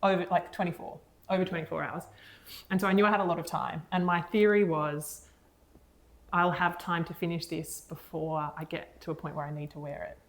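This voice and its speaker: Fairly low-pitched and steady, speaking fairly quickly, this young woman from Australia is a co-host on a knitting podcast. Her casual chat is enthusiastic and rambling, full of restarts.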